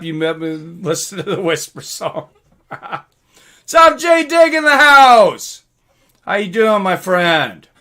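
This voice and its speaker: A male livestream host with a higher-pitched, bright and forceful voice reacts to his chat in a casual, excitable, informal way.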